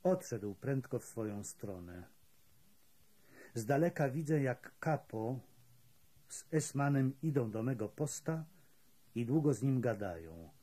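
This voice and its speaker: A man with a husky voice reading literary prose as an audiobook narrator, measured and expressive. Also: medium pitch. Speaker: audiobook reader.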